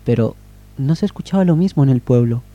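A man improvising and telling a children's story on a radio show, in a gentle, unhurried way. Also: medium pitch, expressive.

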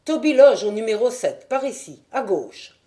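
A woman voicing an irritable old man who keeps animals, who first shouts threats and then turns fussy and polite. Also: a little high, sing-song, moderate pace, voice pushed up. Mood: fussy, welcoming. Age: over 60.

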